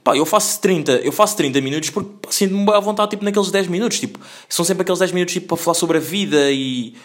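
Fast-talking Portuguese man rambling. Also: sits high. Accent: European Portuguese. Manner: rambling, slangy, full of fillers and restarts. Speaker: podcast host. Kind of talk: casual solo podcast monologue.

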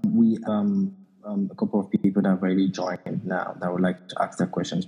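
A man's voice: fairly low pitch, mellow, low-quality recording. A Nigerian man hosting a live audio community session, steadily handing over to speakers, with frequent fillers. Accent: Nigerian English. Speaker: host.

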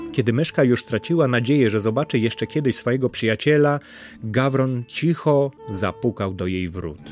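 A man narrating a storybook tale in a calm, gently expressive way. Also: medium pitch. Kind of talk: storybook reading.

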